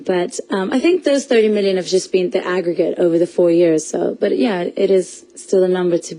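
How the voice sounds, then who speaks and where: A woman's voice: fairly low pitch, fairly quick, warm tone, rough recording. A young woman from Portugal, a musician being interviewed on radio, chatty with frequent laughs and restarts. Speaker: musician guest. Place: radio studio.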